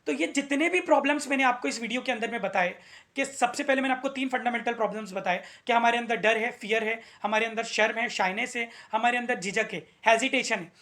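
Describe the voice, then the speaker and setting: A man's voice: extremely high pitch, quick pace, sharp tone. A male English teacher giving a motivational video lesson, earnest, repeating his key points and asking rhetorical questions.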